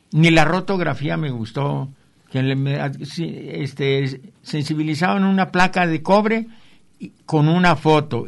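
A man's voice: fairly high pitch, creaky. An older man with a Mexican accent, a printmaker guest telling rambling stories with chuckling asides. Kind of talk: anecdotal interview talk.

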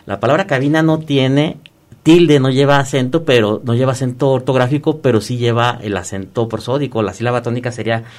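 A man, an online course teacher, explaining as a guest in a radio booth, often restarting words and filling pauses with "este". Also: mid-range voice, steady tone, darkish tone. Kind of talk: explanatory interview talk.

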